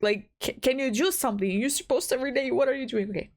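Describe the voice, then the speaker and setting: Her high-pitched voice is brisk. She's a young Balkan VTuber with a slight Albanian accent and a stuffed-up nose, chatting casually to herself on a home recording mic between takes, flustered, laughing, chiding herself, and starting lines afresh.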